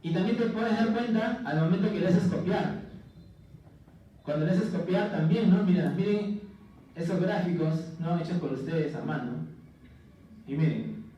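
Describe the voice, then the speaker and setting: A man lecturing to a class, animated, making jokey asides and checking in with his students. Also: sits high, measured pace, pauses often. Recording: distant, muffled, echoey classroom audio.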